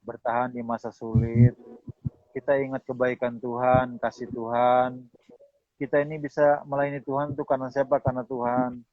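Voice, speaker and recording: A male pastor from Manado preaches at a middle pitch, mixing his own story with scripture and speaking directly to the congregation. The sound is dull and lo-fi, with almost no room around the voice. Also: little pitch movement, moderate pace, no room sound. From Manado, Indonesia. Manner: addresses listeners as "Saudara", acts out dialogue. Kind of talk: sermon with testimony and closing prayer.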